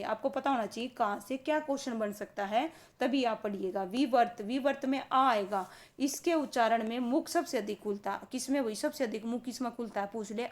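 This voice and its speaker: Pitched on the high side, this woman teaches exam students grammar. She repeatedly asks the class questions and supplies the answers herself, dropping her pace to stress important terms.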